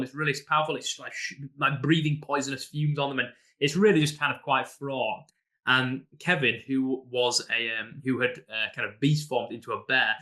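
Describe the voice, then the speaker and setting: A man with a bright, forward voice talks through his last tabletop session as game master. He rambles loosely, with plenty of fillers and restarts. When he mimics his players, he raises his voice. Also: medium pitch. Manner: rambling storyteller, many fillers. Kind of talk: casual campaign recap.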